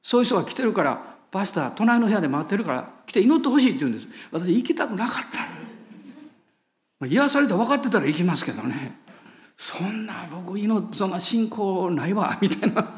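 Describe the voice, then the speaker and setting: A male pastor with a Kansai lilt preaches and tells stories from the pulpit. His pitch swings widely as he animates the tale, and he laughs at himself along the way. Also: big pitch swings, fast. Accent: Kansai Japanese. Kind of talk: sermon with storytelling.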